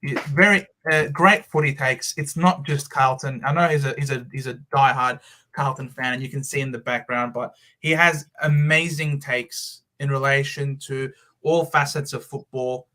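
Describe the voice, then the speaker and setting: A man's voice: medium pitch, fairly even intonation, moderate pace, sharp tone. A man hosting a football live stream, talking casually and enthusiastically. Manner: enthusiastic, effusive, says mate and bro. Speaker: host.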